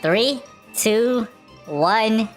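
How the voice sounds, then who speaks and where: Voice changer, man playing a hyped gamer, shouty, repeats slang, wide pitch swings. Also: lively intonation, very slow, music in the background, exaggerated voice. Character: disguised male gamer, loud and excitable. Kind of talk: trolling gameplay on a voice call.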